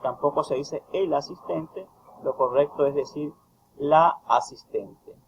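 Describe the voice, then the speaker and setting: A male university tutor giving a recorded grammar lecture, stressing each example phrase slowly. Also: fairly high pitch, muffled recording, slight background noise. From Ecuador. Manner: slow, emphatic reading of example phrases.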